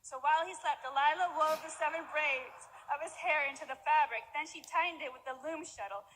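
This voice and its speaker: A woman's voice: high voice, brisk, fairly bright tone, rough recording. A woman pastor narrating a scripture story in church, upbeat and playful as she guides volunteers. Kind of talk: narrating a scripture skit to a congregation.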